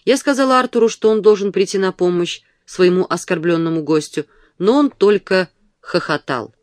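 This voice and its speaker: An audiobook narrator reads in a steady, measured storytelling manner. The voice sits at a middle pitch and is recorded dry and close. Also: dry recording.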